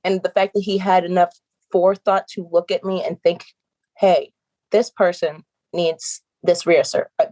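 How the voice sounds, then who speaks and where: A woman's voice: fairly low pitch, warm tone, no room sound, rough recording. A young adult woman, a professional wrestler, talking earnestly and reflectively in an interview, often breaking into laughs. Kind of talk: casual interview talk.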